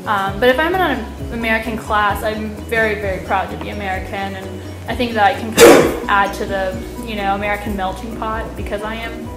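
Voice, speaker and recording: A woman's voice: mid-range voice, steady tone, a little fast, hardly any pauses. A woman from a Bavarian family answering interview questions in a chatty way, full of likes and ums. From Bavaria, Germany family. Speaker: student interviewee. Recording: echoey room with loud background music.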